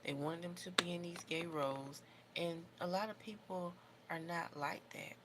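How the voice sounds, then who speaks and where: Doing her makeup on a livestream, an American woman talks in a fairly low, bright, forceful voice at normal speed. She's casual and rambling, freely giving opinions, with noticeable background noise in the recording.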